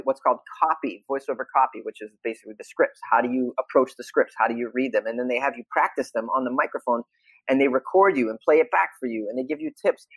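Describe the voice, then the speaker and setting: Animated storytelling man from Boston. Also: medium pitch, no echo, rough recording. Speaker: guest, comedian and voiceover actor. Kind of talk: casual podcast conversation.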